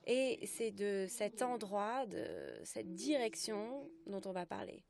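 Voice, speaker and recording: A woman working as a simultaneous interpreter, giving a live spoken translation of a lecture in halting phrases with self-corrections. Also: mid-range voice, vocal fry, a crowd in the background.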